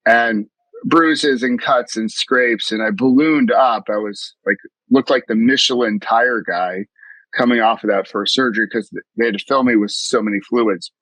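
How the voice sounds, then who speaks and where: A man's voice: medium pitch, normal speed, a bit bright, no room sound, low-quality recording. A middle-aged man from the US East Coast, a mindfulness coach telling his story in an interview in an earnest, reflective way, often restarting his sentences. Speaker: mindfulness coach and podcast guest.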